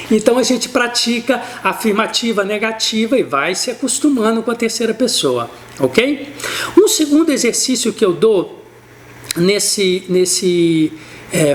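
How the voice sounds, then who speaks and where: Slow, lively Brazilian woman teacher. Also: medium pitch, slight background noise. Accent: Brazilian Portuguese. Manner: says English examples slowly and carefully. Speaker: English teacher. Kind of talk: explanatory language lesson.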